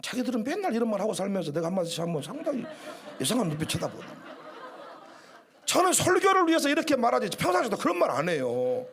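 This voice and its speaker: A male pastor, preaching a sermon emphatically and with humor, swinging from hushed tones to shouts. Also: sits high, huge pitch swings, fast talker. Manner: humorous, acting out church squabbles.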